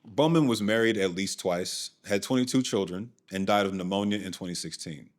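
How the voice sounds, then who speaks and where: Man, documentary host, scripted narration, deadpan sarcastic asides, fairly low voice. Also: brisk. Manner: dry, sardonic asides.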